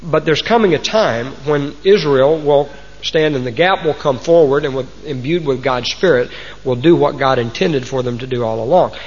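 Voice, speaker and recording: A man with a Texan accent preaches a sermon to a congregation in a folksy, homespun manner, fond of old sayings. His mid-range voice is slightly rough and moves at normal speed. The recording is muffled, made in a large, reverberant hall.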